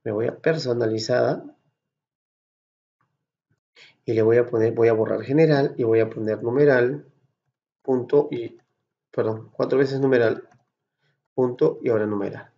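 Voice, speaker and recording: A man from Peru with a Peruvian accent, patiently explaining a software tutorial step by step and checking in with his students. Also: medium pitch, a little slow, gravelly, long pauses, highs cut off. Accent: Peruvian Spanish. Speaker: Excel course instructor. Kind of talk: screen-recorded software tutorial.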